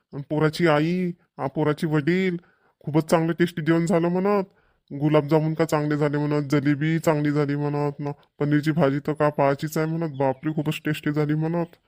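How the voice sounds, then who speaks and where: A male actor with a natural, slightly high voice plays a village family man in a cartoon family comedy. He speaks with a rural Maharashtrian Varhadi accent, sounding chatty, contented and emphatic.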